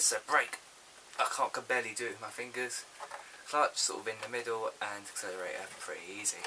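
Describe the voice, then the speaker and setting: A loud hiss from a built-in camera microphone sits under the voice of a man. He speaks at an average pitch in an informal, halting way, thinking aloud as he presents an unboxing. Small clicks turn up in the recording. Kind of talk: casual unscripted vlog chat.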